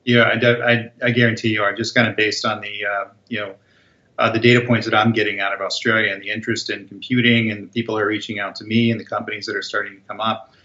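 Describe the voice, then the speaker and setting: A man's voice: lowish voice, little pitch movement, quick pace, sharp tone, highs cut off. A man speaking as a guest expert in a podcast interview, talking confidently and with emphasis.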